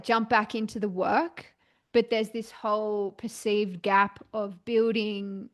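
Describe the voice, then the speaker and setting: Young woman, mid-range voice, candid, hesitant, searching for words, lots of fillers and restarts. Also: mid-range voice. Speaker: podcast host and client. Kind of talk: candid therapy session talk.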